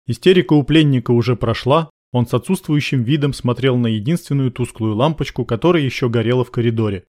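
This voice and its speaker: Guy reading an audiobook, even mid voice, dead dry room. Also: medium pitch, fast talker, dry recording. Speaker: audiobook reader. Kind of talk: audiobook narration.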